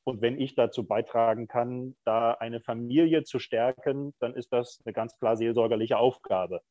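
A man's voice: medium pitch, fairly even intonation, normal speed, dark tone, dry recording, dull audio. A middle-aged man, a prison chaplain, speaking candidly and thoughtfully in an interview, with frequent hesitations. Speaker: prison chaplain, podcast guest. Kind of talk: reflective conversational interview.

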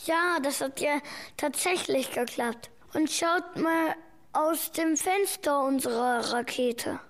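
A woman's voice: sits high, slow. A woman playing a bossy, eager child hero in a children's radio play. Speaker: child hero who flies the helicopter.

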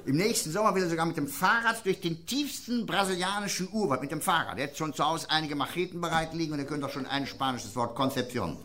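A man's voice: on the high side, quick pace, few pauses, sharp tone. A man who tells a comic story in a chatty way and often ends his phrases with a questioning tag. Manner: chatty, tags lines with "ne?". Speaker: comedian.

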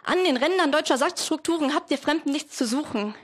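A woman's voice: high-pitched, fairly quick, voice pushed up, close to an everyday voice. A teenage woman voicing a rowdy, patriotic preposition who rants against newcomers. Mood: ranting. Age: teens. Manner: ranting, rabble-rousing.

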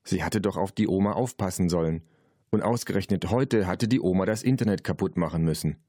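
Ein Mann liest ein Kinderhörbuch vor, lebendig erzählend und trocken pointiert. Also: male voice, low-pitched, a little fast, mellow, dry recording, studio quality. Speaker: Hörbuchsprecher. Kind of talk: Hörbuchlesung.

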